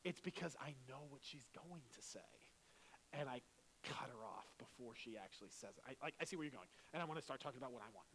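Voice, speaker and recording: A man preaching as a pastor at a marriage seminar, candid and joking, dropping to quiet asides and rising to loud bursts. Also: medium pitch, expressive, quick pace, slight background noise, low-quality recording. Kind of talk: sermon.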